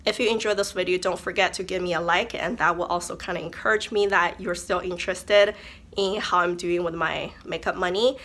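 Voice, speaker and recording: A woman talks casually to her viewers as a beauty vlogger, her voice worn by illness. Her tone sits a little low but comes through bright and sharp. She chats easily and keeps reassuring herself. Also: steady tone, brisk. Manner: chatty, self-reassuring, talks through numbers. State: sick voice. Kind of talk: casual chat to camera.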